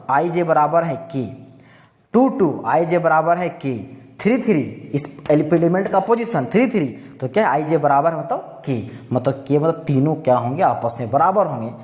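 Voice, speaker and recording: A man's voice: on the high side, a little mellow. A man teaching a math lesson, who keeps asking rhetorical questions and repeating key phrases, mixing with terms. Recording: echoey room with long reverb.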